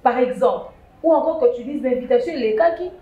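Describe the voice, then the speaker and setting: A woman, chatting lively on a talk show panel, with emphatic bursts. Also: high voice, a little fast, lo-fi sound. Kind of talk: casual chat show commentary. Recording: echoey room with faint noise.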